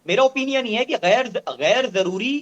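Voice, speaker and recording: A man speaking as a panelist in a TV debate, hesitant with halting starts. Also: very high-pitched, fairly bright tone. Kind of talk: TV debate remote guest. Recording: dull lo-fi line.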